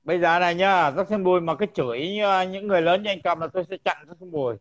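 Guy, earnest and agreeable, kinda high voice, muffled lo-fi audio. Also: quick pace. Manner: agreeing, short assents, earnest. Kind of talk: casual chat. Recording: dull lo-fi sound.

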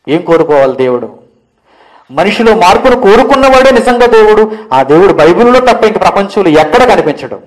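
On a poor-quality recording, a high-pitched man from India preaches a Bible lesson. He drives his points with mounting emphasis and a rapid stream of rhetorical questions.

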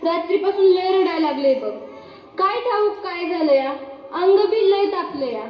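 A woman's voice: very high voice, moderate pace, slight background noise. A performer playing an anxious, devoted young village mother in a school stage play, pleading with an emotional delivery. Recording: echoey hall, dull sound, faint music.

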